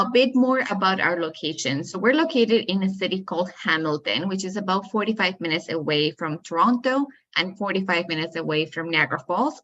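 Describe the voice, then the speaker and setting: A woman's voice: fairly low pitch, pushed and bright, dull audio. A woman from Colombia giving a friendly, explanatory university presentation over a video call. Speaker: university admissions representative. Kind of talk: presentation to prospective students.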